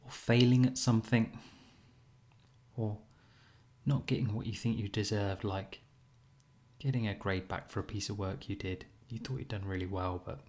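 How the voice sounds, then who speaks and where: A man's fairly low, steady voice leads listeners through a compassion meditation. As the teacher, he's gentle and soothing, moving unhurriedly with pauses.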